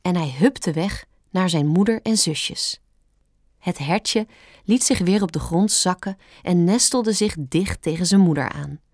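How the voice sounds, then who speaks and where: A woman narrates a children's storybook at an unhurried, slow pace. Her reading is calm, gentle and expressive. The voice sounds dry and close, with no room around it. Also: on the low side, dry recording.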